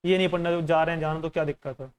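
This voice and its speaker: A man with a fairly high, smooth and clear voice, teaching exam candidates in a relaxed way. He talks straight to the listener and keeps checking in as he goes. His speech is laid-back but guiding, with English phrases mixed in. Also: rapid-fire. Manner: conversational and instructive, often checking in with the listener. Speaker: exam coach. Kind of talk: casual teaching while going through a newspaper.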